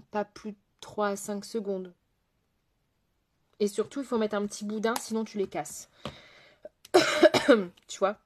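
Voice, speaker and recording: Her voice mellow and middle-pitched, a woman makeup artist chats loosely through a live makeup session, addressing viewers directly and picking up their comments as she works. She leans on fillers and often trails off or hesitates mid-thought.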